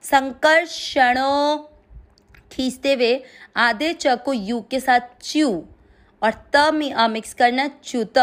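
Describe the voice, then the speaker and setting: A woman teaching the pronunciation of a Sanskrit hymn, spelling out syllables patiently and stretching long vowels as she recites. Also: high-pitched. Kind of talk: slow step-by-step recitation lesson.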